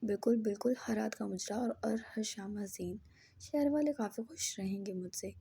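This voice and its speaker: A woman voicing a hot-tempered young man, bitter but playful, speaking in a half whisper with sharp outbursts. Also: medium pitch, moderate pace, gravelly, slight background noise, natural voice. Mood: teasing.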